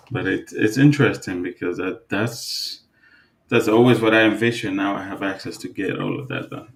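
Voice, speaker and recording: A man from the Dominican Republic co-hosting a podcast, talking in a relaxed, halting way with many fillers and restarts. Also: low voice, creaky. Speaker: podcast co-host. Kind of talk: casual chat.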